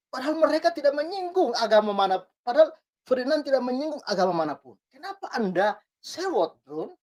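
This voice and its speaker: A woman's voice: fairly high pitch, darkish tone. Woman a lilt, wry commentary. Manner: reads text aloud then adds wry remarks, often asks "ya kan?". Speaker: commentator reading news and comments. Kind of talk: casual spoken commentary on a news item.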